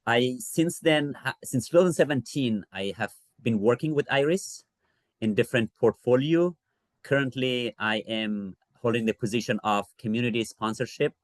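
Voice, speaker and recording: An earnest man from Afghanistan, associate director of refugee services, gives a library presentation in a measured way with frequent fillers. His voice is on the low side, with no room sound.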